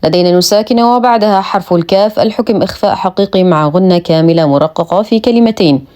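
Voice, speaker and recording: A woman teaching Quran recitation rules, explaining each rule and then reciting words slowly and precisely. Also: fairly low pitch, mellow. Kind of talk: tajweed lesson, explaining rules between slow recited words.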